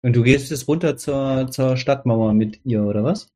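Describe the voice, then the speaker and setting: A man playing in a tabletop role-playing game, talking in an easygoing, relaxed way. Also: medium pitch, moderate pace. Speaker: player. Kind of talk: casual chat at a tabletop game.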